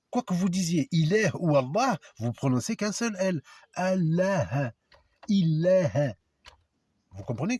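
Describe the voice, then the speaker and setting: A man's voice: mid-range voice, a little mellow, breathy edge, no room sound. A man giving an informal spoken lesson to viewers. He talks emphatically and provocatively, spells out letters and sounds one by one, and speaks straight to his audience. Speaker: video lecturer. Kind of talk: informal explanatory monologue to viewers.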